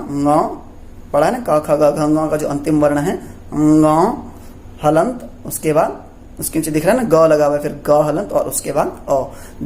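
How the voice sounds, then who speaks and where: A man's voice: fairly high pitch, dark tone. Man teaching Sanskrit letters step by step. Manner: repeats questions and answers them himself, checking in often. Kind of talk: classroom lesson explaining letters.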